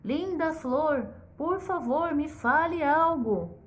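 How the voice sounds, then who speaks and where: A woman's voice: high voice, fairly even intonation, unhurried, voice pushed up. A woman voicing a spoiled, bossy little king who demands and pleads in a children's story. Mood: pleading. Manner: demanding, shouting.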